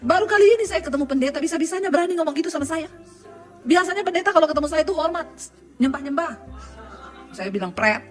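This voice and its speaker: A woman's voice: very high-pitched, lively intonation, fast talker, over music. A woman pastor giving a sermon before a live congregation, telling a personal story, joking, laughing and often speaking straight to her listeners.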